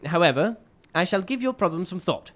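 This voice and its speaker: A man playing Sherlock Holmes, lively-pitched and courteous. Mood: thoughtful. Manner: deliberate, polite, formal. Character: male detective, courteous, thoughtful, shrewd. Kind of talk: radio mystery drama acting.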